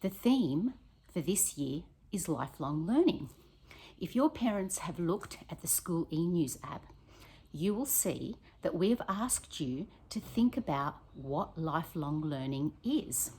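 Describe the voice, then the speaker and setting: Reading a picture book to a group of children, this primary school teacher uses a fairly low, slightly husky voice at a measured pace. She's expressive and keeps prompting the kids with questions.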